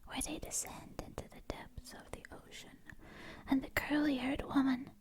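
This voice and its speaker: Female, ASMR whisper, right in ear, very slow, gentle, poetry reading. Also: sits high. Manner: slow, gentle delivery with long pauses. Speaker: ASMR content creator. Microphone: close mic, ear to ear.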